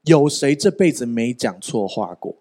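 A male pastor preaching a sermon in an animated, joking way, often asking the listeners rhetorical questions. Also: medium pitch, moderate pace.

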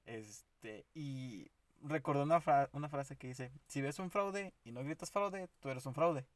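A man's voice: medium pitch, measured pace, no room sound. A man with a Mexican accent co-hosting a podcast, talking in a hedging, hesitant way. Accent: Mexican Spanish. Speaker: podcast co-host. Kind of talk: casual chat. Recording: distant mic with faint hiss.

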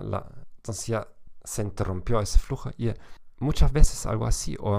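Relaxed and talkative, this podcast host and language teacher from Germany, a native German speaker, delivers casual solo podcast talk. He frequently restarts sentences and checks in with "¿no?" tags along the way. His voice sits fairly low, dark and mellow, with a gravelly, fried edge.

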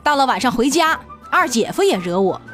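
A woman with a Northeastern Chinese accent, hosting a radio comedy show and telling funny stories in an animated, laughing way. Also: sits high, fairly quick, soft background music. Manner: animated, laughing, puts on voices. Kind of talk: comic storytelling monologue.

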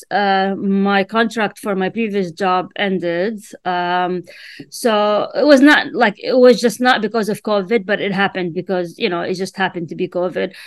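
A woman's voice: medium pitch, clean tone, no room sound. A middle-aged woman from Jordan whose first language is Arabic, answering interview questions casually, with many fillers and restarts. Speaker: author and writer, interview guest.

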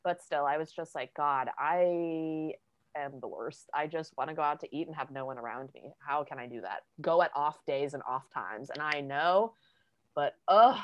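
A young woman co-hosting a podcast, telling a story in a casual, animated way and swearing freely. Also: deep voice, normal speed, dull audio. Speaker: podcast co-host. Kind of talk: casual chat.

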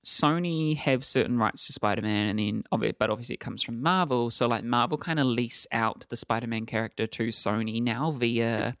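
A young man chatting excitedly about shows, full of fillers and swearing. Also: medium pitch, normal speed, hardly any pauses, dry recording, clean studio sound. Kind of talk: casual chat.

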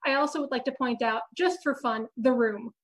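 A woman's voice: on the high side, fairly quick. A woman who writes articles, chatting casually on a talk show panel with many fillers. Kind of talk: casual chat.

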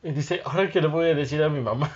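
Brief: male podcast co-host, slightly high voice, giggly storyteller, muffled lo-fi audio. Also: fast. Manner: animated storyteller, laughs often, acts out quotes. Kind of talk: casual chat.

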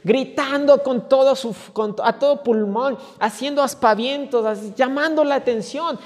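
A male pastor preaches a sermon in a very high, darkish voice at a moderate pace. He repeats words when he gets stuck, then cries out quoted pleas, and a long hall reverb surrounds him.

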